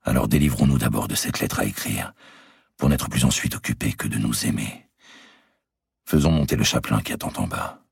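A man reading an audiobook and voicing a scheming nobleman who coaxes in a slow, insinuating way. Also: no echo, studio quality, full character voice. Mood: persuasive. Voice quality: very deep, gravelly. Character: scheming powerful nobleman, persuasive and coaxing. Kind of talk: audiobook character voice.

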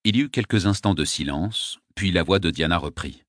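A man reading a first-person novel aloud as an audiobook narrator, measured and dry. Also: sits low, fairly bright tone, no echo.

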